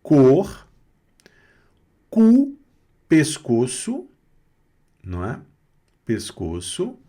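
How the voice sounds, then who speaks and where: A man's voice: mid-range voice, very animated, darkish tone. A Brazilian man from Minas Gerais teaching French pronunciation in an online lesson, patiently spelling out sounds with frequent "né?" checks and playful jokes. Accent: Brazilian Portuguese, Minas Gerais. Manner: patient, drawn-out explanations with frequent "né?" and "tá certo?"; playful, joking asides.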